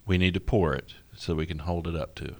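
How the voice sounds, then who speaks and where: A man's voice: deep voice, fairly quick, darkish tone. A man who is an expert brewer, talking in casual chat, blunt and opinionated with dry jokes. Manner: opinionated, blunt, dryly joking.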